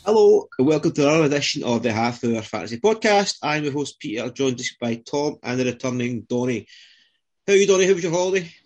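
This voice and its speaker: A man's voice: mid-range voice, animated, fast talker, a little mellow, soft background music. Man hosting from inside a small caravan. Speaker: podcast host. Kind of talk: casual fantasy football podcast chat. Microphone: remote call over poor internet.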